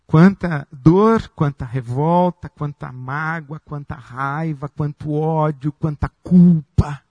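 A man preaching a sermon as pastor, slow and emphatic with long pauses. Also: on the high side, dry recording, highs cut off.

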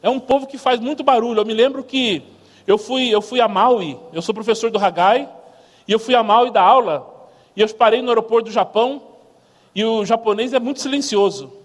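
A man with a Brazilian Portuguese accent gives a humorous church testimony as a missionary speaker. He tells stories in a lively way and mimics sounds. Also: very high voice, fairly quick, big-room sound.

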